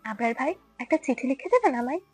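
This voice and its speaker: A woman voicing a shy, lovestruck young woman student, speaking softly, hesitantly and earnestly. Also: high voice, big pitch swings, quick pace, husky, no echo, faint music behind, voice pushed up, heavily acted, low-quality recording. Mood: pleading. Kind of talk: audiobook story reading.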